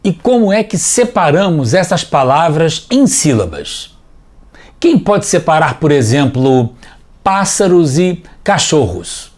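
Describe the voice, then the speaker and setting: A man teaching a scripted TV language lesson for children, explaining clearly and patiently, step by step. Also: a little high, sing-song, takes it slowly, darkish tone.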